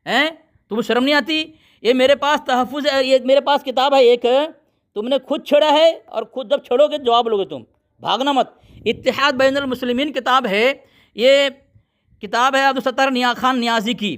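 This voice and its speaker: A very high-pitched man argues in a heated religious debate. He is combative and commanding, orders his opponent to be silent again and again, then reads citations point by point. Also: moderate pace, a bit bright.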